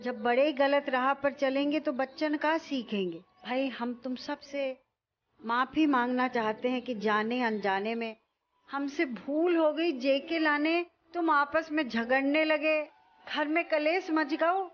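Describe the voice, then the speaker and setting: A high-pitched older matriarch who takes her time with every word, scolding and then apologizing in a TV sitcom. She talks slowly and deliberately, her voice lifted high. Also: lo-fi sound, slight background noise. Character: stern older mother scolding her family. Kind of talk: sitcom acting.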